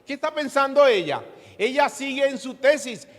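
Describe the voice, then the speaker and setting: A man's voice: very high-pitched, animated, moderate pace, big-room sound. A man preaching an emphatic, dramatic sermon and calling out to his congregation.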